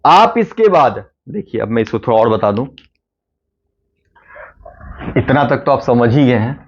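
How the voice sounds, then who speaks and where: A man's voice: mid-range voice, very animated, fairly quick, breathy edge. A man teaching a math lesson for exam preparation, explaining step by step and often checking that the class is following. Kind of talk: exam-prep math lecture. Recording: dull lo-fi recording.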